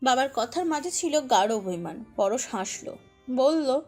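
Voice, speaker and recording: Woman storyteller, high voice, emotive scripted narration over soft music. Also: expressive, a little slow, breathy edge. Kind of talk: dramatic scripted narration of a romantic audio story.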